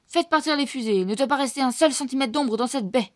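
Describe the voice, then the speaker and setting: A woman's voice: medium pitch, quick pace, a little mellow, no echo, studio quality, natural voice. A woman voicing a cruel, greedy villainess who screeches orders, in a storybook reading. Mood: bossy. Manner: screeching, wheedling when sweet.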